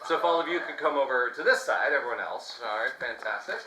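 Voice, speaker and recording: A man hosting a live improv comedy show on stage, playful and given to loud shouted announcements. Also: medium pitch, animated, quick pace, a crowd in the background. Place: theater stage with audience. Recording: roomy theater sound with noise.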